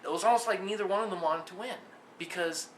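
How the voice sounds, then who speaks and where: Argumentative young male co-host, higher voice, roomy sound. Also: fast talker. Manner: argumentative, repeats himself when starting a point. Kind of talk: mock sports talk show debate. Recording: echoey room with faint hiss.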